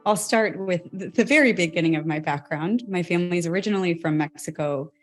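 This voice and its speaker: A woman with a notably low voice tells her own story in an interview. She is earnest and candid, and pauses and restarts as she works through hard memories. She is a company co-founder from South Texas. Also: soft background music. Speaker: healthtech company co-founder, guest.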